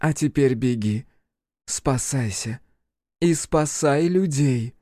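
A man voicing a stubborn, resigned young witch woman in an audiobook, speaking quietly and slowly. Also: medium pitch, no echo, clean studio sound, lightly acted. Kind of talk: audiobook character voice.

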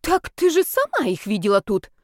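A woman's voice: medium pitch, big pitch swings, moderate pace, smooth, no room sound, studio quality, close to an everyday voice. A woman voicing a brawling, scandalous middle-aged woman in a storybook, rowdy and accusing. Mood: raging.

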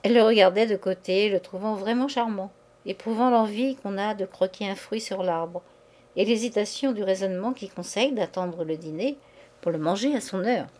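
A woman reading a classic novel aloud in a measured, expressive narration. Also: medium pitch. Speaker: audiobook reader.

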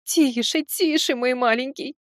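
A man reading an audiobook, voicing a frightened, tender young mother in a trembling cooing falsetto. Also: measured pace, fairly bright tone, no echo, studio quality.

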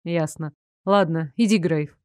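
A weary but firm professor speaks low and measured, used to authority. A woman narrator voices him in a dry, close storybook recording. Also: darkish tone, no room sound. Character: stern older male professor, firm and weary. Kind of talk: audiobook character voicing.

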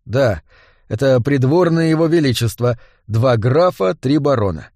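A man voicing a laconic male assassin who speaks calmly and curtly. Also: medium pitch, a little slow, dry recording, studio quality. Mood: cool. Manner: calm and curt. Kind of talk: audiobook character voice.

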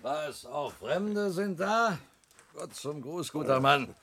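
An actor playing a dry, resigned village man in a radio drama, with a creaky voice. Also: a little high, animated, takes it slowly, fairly bright tone, full character voice.

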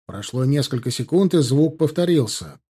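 A man's voice: medium pitch, expressive, moderate pace, dark tone, slightly rough. A man narrating a historical war story as an audiobook reader.

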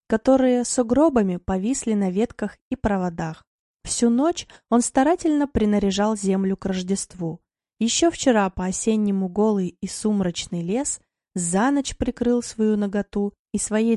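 A woman narrating a storybook in an expressive, lyrical reading style. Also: mid-range voice, no echo, clean studio sound. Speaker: audiobook narrator.

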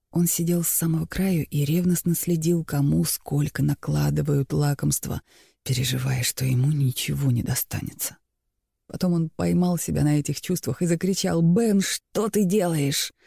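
Gravelly calm male audiobook narrator. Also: fairly high pitch, no room sound, clean studio sound. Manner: calm, measured reading. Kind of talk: scripted narration of a spiritual book.

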